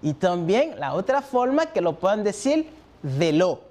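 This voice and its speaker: A man leads a televised French lesson, moving back and forth between French and Spanish as he drills vocabulary. He speaks slowly, with a lively, rising-and-falling melody. He praises each answer with encouragement. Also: sits high. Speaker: French teacher.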